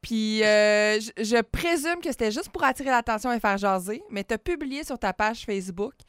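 A Québécois woman co-hosts a talk radio show. She is lively and quick to tease. Her voice is fairly high and sits close in a dry studio. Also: clean tone, no room sound. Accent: Québécois French. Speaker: radio co-host. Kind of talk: casual radio chat.

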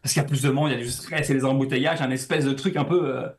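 Rapid-fire and steady in tone, with a medium pitch, a young French comedian talks in a casual interview setting. He speaks French with a slight Québécois lean, animatedly, often repeating words as he thinks.

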